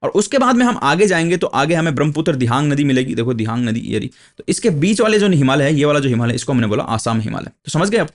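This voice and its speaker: Male coaching teacher, fairly high voice, patient step-by-step explainer who repeats key terms. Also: animated. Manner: explains step by step, repeats key terms, asks and answers his own questions; slow, deliberate when reading English textbook lines aloud. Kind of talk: exam coaching lecture.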